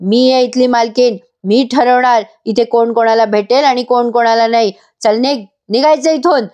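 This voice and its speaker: A haughty mistress of the house barks orders with open scorn, put on by a woman narrator. The voice sits a little high and stays commanding. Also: fairly even intonation, moderate pace, a little mellow, natural voice. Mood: scornful.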